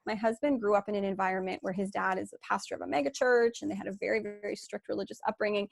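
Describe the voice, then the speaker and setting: A woman's voice: medium pitch, fairly even intonation, quick pace, creaky, dry recording. A woman life coach giving a candid online workshop talk, telling her story with many "you know"s and "like"s over a video call.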